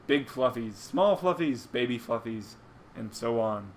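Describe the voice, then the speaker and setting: A man's voice: medium pitch, animated, a little slow, a little hiss or hum. A young man co-hosting a comedy podcast, reading a story aloud with sarcastic asides and laughter. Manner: sarcastic, breaks off to laugh and comment. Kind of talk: casual mocking read-aloud commentary.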